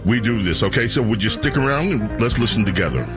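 A man's voice: lowish voice, animated, fast talker, music in the background. A man hosting a talk radio show, building his questions gradually and repeating phrases as he goes. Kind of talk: unscripted radio interview.

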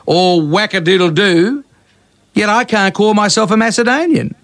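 A man's voice: high voice, moderate pace, fairly bright tone. A blunt, indignant man from Greece, ranting heatedly on talkback radio.

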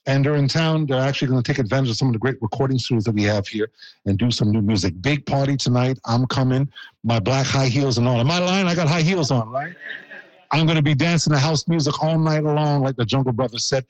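A man's voice: medium pitch, quick pace, dry recording, low-quality recording. A man hosting an interview with a band, joking and teasing in an upbeat way. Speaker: host. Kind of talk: playful broadcast interview.

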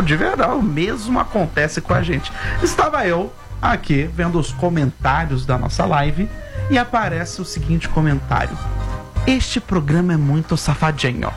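A man hosting a radio talk show, chatting casually in the studio with a playful, theatrical manner. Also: on the high side.

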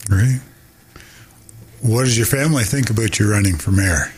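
A man's voice: on the low side, moderate pace, husky. A man interviewing a candidate with brief, direct questions.

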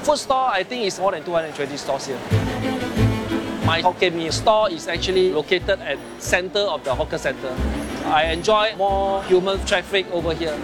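A man's voice: high voice, normal speed, loud music behind the voice. A middle-aged man with a Singaporean accent, talking as a hawker stall owner in an interview. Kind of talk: interview talk.

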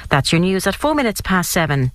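A man's voice: sits high, big pitch swings, brisk. An Irish man reading a scripted radio news bulletin. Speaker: radio newsreader.

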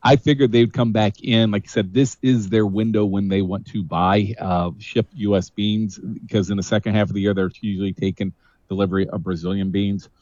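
A man's voice: on the low side, fairly even intonation, darkish tone, no room sound. Man on a phone line, market analyst. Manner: brisk, figure-heavy, uses frequent "uh" fillers. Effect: heard over a phone line. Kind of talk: market report commentary. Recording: muffled phone line, dry.

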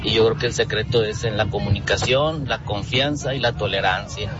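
An earnest man calling in to a radio show, his voice mid-pitched. The sound is dull and lo-fi, with music behind him. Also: fairly even intonation, moderate pace. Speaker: caller.

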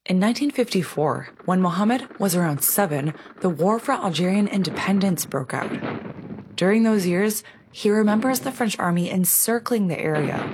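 A woman's voice: medium pitch, lively intonation, normal speed, darkish tone, a little hiss or hum. A woman reading scripted documentary narration.

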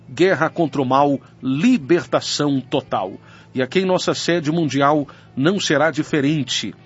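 A man's voice: on the high side, breathy edge. A man reading a church radio schedule, urging listeners earnestly to come to services. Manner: earnest, urgent invitation. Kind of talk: scripted radio announcement. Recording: dull lo-fi radio sound.

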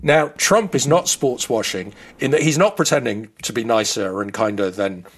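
A man's voice: medium pitch, moderate pace, breathy edge. A man in his fifties who grew up in the Netherlands, explaining his views in a thoughtful way as an interview guest. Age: 50s.

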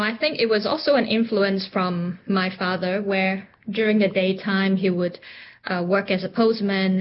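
A woman's voice: mid-range voice, highs cut off, slight background noise. Thoughtful woman from Hong Kong, hesitant. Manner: thoughtful, frequent ums and restarts. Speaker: interview guest, entrepreneur. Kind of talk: reflective interview conversation.

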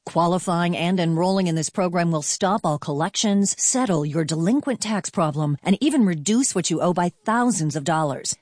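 A woman reading a radio advertisement in a steady, persuasive voice. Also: medium pitch, no room sound, clean studio sound. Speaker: ad announcer. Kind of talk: read radio ad.

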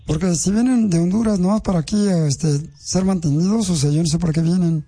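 High husky man posing as an official. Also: a little fast, dark tone. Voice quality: mock-official, needling and insulting. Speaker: radio prank caller. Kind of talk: prank phone call.

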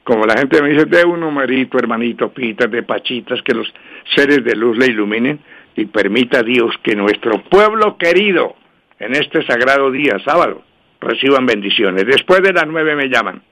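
A man hosts a radio call-in program and reels off lottery numbers for each star sign. He talks in a brisk, repetitive patter, then slows right down so listeners can write each number down. His voice sits at a middling pitch for a man. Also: expressive, fairly bright tone. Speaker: radio host and numerologist. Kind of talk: radio call-in show, dictating lucky numbers.

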